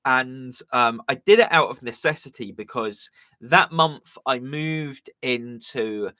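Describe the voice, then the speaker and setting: A young man with a southern English accent, a musician hosting his live stream, chats casually at a slow pace, rambling with many ums and uhs. His voice is medium in pitch, pushed and bright, slightly strained, with no echo.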